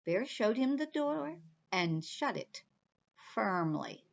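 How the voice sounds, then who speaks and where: A woman's voice: medium pitch, big pitch swings, slow, vocal fry, muffled recording. A woman librarian reading a picture book aloud expressively for children, stopping to talk to them directly.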